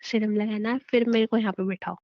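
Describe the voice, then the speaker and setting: A woman's voice: medium pitch, fairly even intonation, fairly quick. A young woman in a scripted comedic skit, playing a wife who coaxes and pleads playfully. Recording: muffled lo-fi phone audio.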